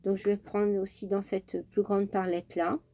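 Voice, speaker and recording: A woman's voice: medium pitch, little pitch movement, normal speed, noisy background. A woman chatting casually through a crafting tutorial at her home craft table, homely and talkative, with many fillers. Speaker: craft vlogger.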